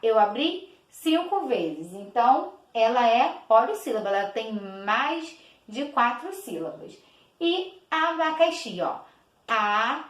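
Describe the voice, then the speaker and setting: A woman teacher gives a patient children's lesson, clapping out each syllable slowly and repeating words. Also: fairly high pitch, very animated. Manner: slow, clapping out each syllable, many diminutives. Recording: echoey room.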